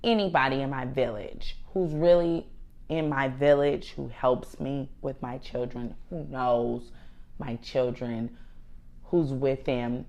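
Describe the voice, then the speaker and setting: A woman's voice: very deep voice, steady tone, takes it slowly, a little mellow. A woman co-hosting a podcast, telling candid, emphatic stories with frequent swearing in casual chat. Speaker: podcast co-host.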